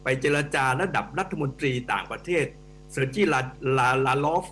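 A middle-aged man, an economics professor, giving animated, emphatic commentary as a guest on a radio talk show and addressing the hosts directly. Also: mid-range voice, normal speed. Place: radio studio. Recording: radio studio with faint mains hum.

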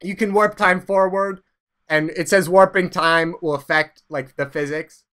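Let's play host, bright voice, rambling, self-mocking casual commentary. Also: medium pitch, fairly even intonation, unhurried.

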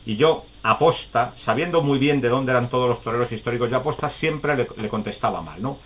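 A man tells funny anecdotes as a guest storyteller in a casual live chat, laughing often and acting out the voices of the people he quotes. His voice is medium-pitched and fairly quick, and the audio sounds like a phone call.

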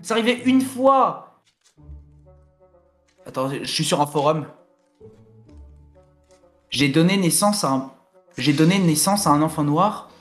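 A man with a high voice chats casually on a game stream. He teases and argues, with faint music underneath. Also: a little slow, long pauses. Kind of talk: casual bantering stream chat.

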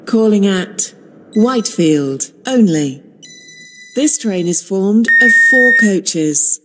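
A woman's voice: medium pitch, expressive, slow, very noisy. A woman's automated station platform announcements, made of spliced-together recorded words with choppy phrasing.

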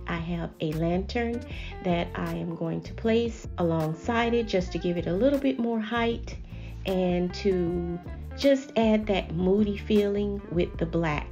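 A woman hosting a home decorating channel, gently chatting viewers through each step in a voice-over. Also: fairly low pitch, lo-fi sound. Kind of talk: voice-over narration of a decorating video.

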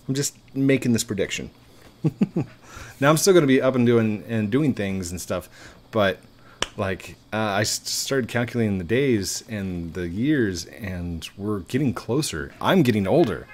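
A man in his late thirties with a lowish voice rambles and makes fun of himself while commenting on his gameplay into a headset mic. He is a chatty gaming YouTuber at a desk in a home room, with slight background noise.

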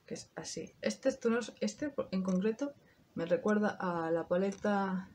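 A woman in her thirties with a Spain Spanish accent talks her viewers through a makeup look in loose, chatty asides. She speaks straight to camera as if to friends and drops the odd swear word. Her voice sits at an ordinary middle pitch. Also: expressive, a little slow, darkish tone, a little hiss or hum. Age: 30s. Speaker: beauty vlogger. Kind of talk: casual makeup tutorial chat.

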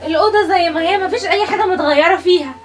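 A woman's voice: very high voice, racing. An Egyptian woman vlogger staging a prank, talking in a dramatic, tearful, accusing tone. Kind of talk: staged prank phone call and argument. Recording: echoey room with music behind.

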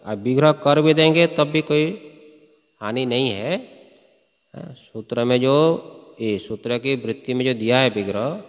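A male teacher explains Sanskrit grammar to a class in Hindi, stopping often to ask his students whether they follow. He recites sutras, then explains them plainly. His voice carries a long reverb, as in a large hall. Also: mid-range voice. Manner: asks students frequent check questions. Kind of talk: classroom lecture.

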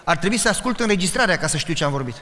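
A man preaches in short, vivid bursts and stops often so an interpreter can follow. His voice sits high and sounds bright and tense. Long reverb hangs on every phrase, as in a big hall. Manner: lively storytelling, pauses for translation. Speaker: pastor. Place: church congress hall.

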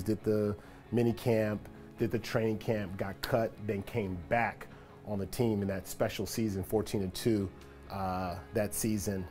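A man in his forties, a former football player, casually recounting memories while walking through an empty locker room and stadium. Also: fairly low pitch. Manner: relaxed, reflective, animated when greeting a friend. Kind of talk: casual storytelling walk-and-talk.

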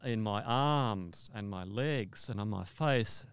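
Man from Australia, interview guest, smooth clear voice, dry close sound, halting storytelling with repeats. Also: lowish voice, no room sound. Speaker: mountaineer guest.

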